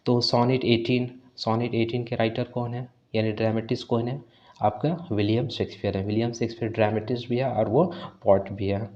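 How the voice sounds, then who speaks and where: A male teacher explains exam questions on English literature, mixing Hindi with slowly read English lines and often saying "ठीक है". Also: mid-range voice, flat delivery, mellow, muffled recording. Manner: mixes Hindi with English, reading English phrases slowly; repeats "ठीक है" as a filler. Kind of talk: exam-prep lesson.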